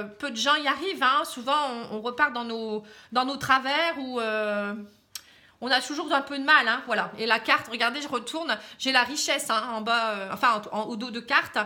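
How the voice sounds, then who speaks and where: Northern French woman, casual tarot reader, chatty and encouraging, high and bright. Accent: northern French (Pas-de-Calais). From Pas-de-Calais, northern France. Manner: chatty, tags nearly every phrase with "hein"; reassuring and encouraging. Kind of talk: casual tarot reading to camera.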